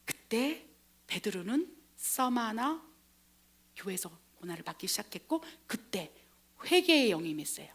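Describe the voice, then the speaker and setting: A woman missionary pastor preaching a sermon, retelling scripture in a dramatic, animated way. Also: a little high, a little slow, husky. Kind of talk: Korean sermon with acted retelling.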